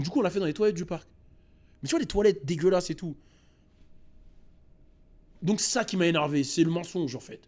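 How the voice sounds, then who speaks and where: A man host telling a personal story in a casual, animated, slangy way, with many restarts and repeats. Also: high voice.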